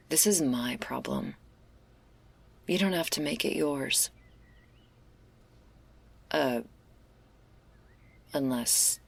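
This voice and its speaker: In an intimate ASMR roleplay, a woman plays a laid-back, restless stoner werewolf, confiding in a casual, hesitant, slangy manner. Her heavily acted voice is husky, gravelly and bass-deep.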